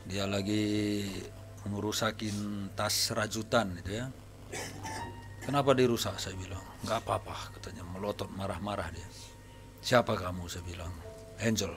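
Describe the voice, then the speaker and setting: A man preaching to his congregation as a pastor, telling anecdotes from his visits in a relaxed, conversational way. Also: on the low side, measured pace, long pauses, music in the background. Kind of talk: sermon testimony to a congregation. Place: church service.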